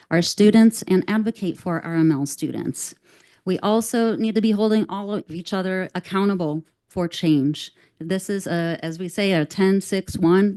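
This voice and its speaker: A woman presents to a school board in a measured, earnest way, dropping an occasional "um". Her voice sits a little low and sounds mellow rather than bright. She speaks into a microphone in a meeting room. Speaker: district staff presenter.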